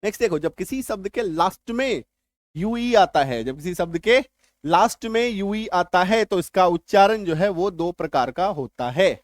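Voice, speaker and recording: A man teaching English spelling and pronunciation in Hindi, going slowly, repeating words and often checking whether his viewers understood. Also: sits high, lively intonation, no echo. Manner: slow and repetitive, often checking that viewers follow. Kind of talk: spoken Hindi spelling lesson.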